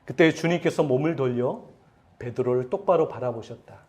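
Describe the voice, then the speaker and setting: A man's voice: mid-range voice, normal speed, darkish tone. A man preaching a sermon as pastor, speaking to his congregation with strong feeling and asking them questions. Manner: emotional preaching, voicing quoted pleas with swelling intensity; addresses congregation directly, asks questions.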